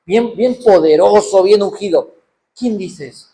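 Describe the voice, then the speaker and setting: A man's voice: sits high, a little slow, warm tone, slight background noise. A man with a Mexican accent preaching a sermon in an event hall, talking conversationally and asking rhetorical questions.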